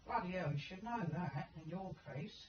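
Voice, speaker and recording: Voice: mid-range voice, animated, moderate pace. A panel guest on a heated live chat, arguing scornfully and angrily. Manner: scornful and argumentative. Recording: distant, echoey, lo-fi with crowd noise.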